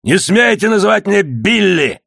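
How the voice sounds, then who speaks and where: A man voicing a hot-tempered male ship's cook and former boxer who growls and shouts. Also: mid-range voice, fairly even intonation, normal speed, slightly rough, no room sound, studio quality, natural voice. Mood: raging.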